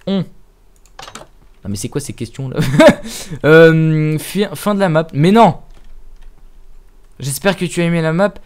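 A young man from France giving casual, self-mocking let's-play commentary over a headset mic, thinking out loud and swearing as he plays. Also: fairly high pitch, animated, slow, long pauses, clear, resonant tone. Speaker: gaming youtuber.

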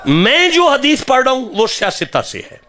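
A man with a Pakistani Punjabi accent preaching a sermon at a live religious gathering. He questions his listeners and builds up to fervent shouting. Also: very high-pitched, very animated, normal speed, crowd noise, background noise.

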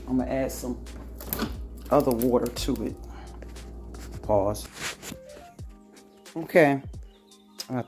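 A woman's voice: low voice, a little mellow. A woman in her forties filming a casual vlog at home on a phone held at arm's length, chatting to the camera as she gets ready. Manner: chatty, self-motivating, talks to the camera while doing chores. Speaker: vlogger. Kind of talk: casual self-filmed vlog. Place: home, bedroom then kitchen.

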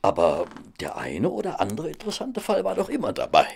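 An actor playing Doctor Watson, a kindly and patient companion to a detective, in a German audio drama, with a hesitant, gentle, gentlemanly delivery. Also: male voice, on the high side, wildly swooping pitch, fairly quick, heavily acted. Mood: mild protest. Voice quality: gravelly, husky.

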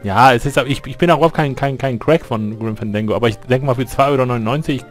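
A man's voice: medium pitch, quick pace. A man doing casual, enthusiastic, rambling commentary as he plays a game. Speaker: let's player. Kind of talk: casual gameplay chat. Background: game music.

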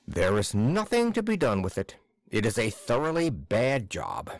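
A man's voice: mid-range voice, normal speed, dry recording, studio quality. A man voicing a blunt, stubborn one-eyed tailor who speaks curtly and decisively. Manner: flat, decisive, curt.

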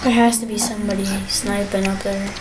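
Excitable trash-talking woman gamer. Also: medium pitch, fairly quick, heavy background noise. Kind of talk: gameplay commentary.

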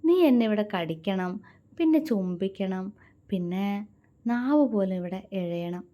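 A woman's voice: a little high, a little fast, darkish tone, close to an everyday voice. A woman voicing a playful young husband who teases his wife with mock sternness. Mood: teasing. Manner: teasing, mock-stern, demanding.

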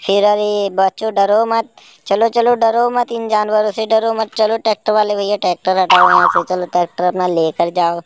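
A woman narrating a toy play for children in a singsong, exclaiming voice, gently scolding the toys. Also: medium pitch, little pitch movement, normal speed, noisy background. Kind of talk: playful narration for kids. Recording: loud music behind the voice.

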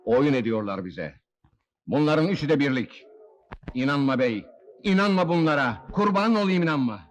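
A man's voice: fairly low pitch, animated, a little fast, slight background noise, lightly acted. A man playing a hot-tempered, proud warrior lord in a melodramatic period film, stern, commanding and impassioned. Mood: pleading, indignant.

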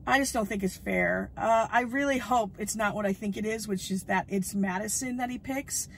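A woman vlogger in casual chat, gushing and chatty, often breaking into excited exclamations. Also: medium pitch, normal speed, gravelly, a little hiss or hum, poor audio. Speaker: vlogger recapping a reality show.

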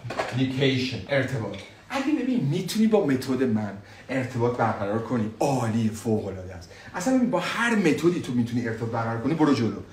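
Animated teacher. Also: male voice, medium pitch, echoey room, distant mic, slight background noise. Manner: switches between Persian explanation and slow drilled English phrases; animated, repeats phrases for learners. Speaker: English teacher. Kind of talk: live online English lesson.

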